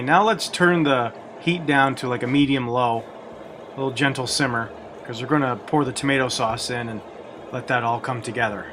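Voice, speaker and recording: Against slight background noise, a man's mid-range, fairly bright voice guides viewers through a recipe one step at a time. His cooking demonstration is peppered with wry asides that poke fun at himself.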